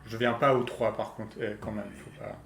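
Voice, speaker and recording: A man's voice: on the low side, little pitch movement, normal speed, gravelly, echoey room, slight background noise. A man casually reading game dialogue aloud, stumbling and restarting often. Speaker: co-player.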